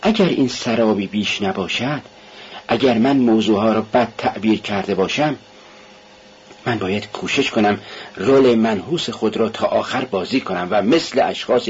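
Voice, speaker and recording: A man's voice: lowish voice, lively intonation, a little hiss or hum, natural voice. A man voicing a feverish, suspicious young man under questioning, talking tensely and bitterly, brooding half to himself. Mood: anxious brooding. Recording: dull lo-fi radio recording.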